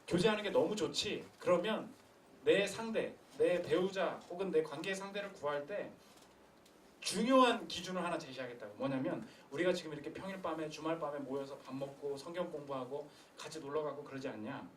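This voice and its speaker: Animated young male preacher, echoey church. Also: fairly high pitch, fairly quick, slight background noise. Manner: animated storytelling with acted quotes and rhetorical questions. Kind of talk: sermon. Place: church sanctuary. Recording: echoey room from a distance.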